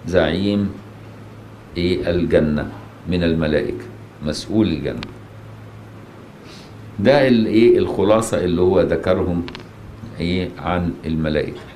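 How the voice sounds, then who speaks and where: A man's voice: low-pitched, normal speed, long pauses, a little mellow. A man with an Egyptian accent giving a colloquial religious lesson in a mosque, often asking rhetorical questions and checking that listeners follow. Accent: Egyptian Arabic. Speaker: religious teacher. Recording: echoey mosque, faint noise.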